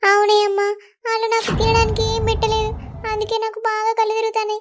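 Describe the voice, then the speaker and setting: A gentle young cartoon wife from a village, played by a woman. Her voice sits very high and moves quickly along a flat line. She speaks soothingly. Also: faint music behind. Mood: tired. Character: young pregnant village daughter-in-law.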